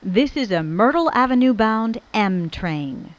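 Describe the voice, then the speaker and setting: A woman's voice: on the high side, animated, measured pace, no room sound. A woman reading recorded train announcements in stilted, spliced-together phrases. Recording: dull lo-fi train speaker recording.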